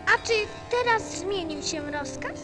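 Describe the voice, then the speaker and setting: Give me a woman as an earnest, curious little boy in a radio play, high and very animated, music behind. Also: a little slow. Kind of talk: Polish radio play acting.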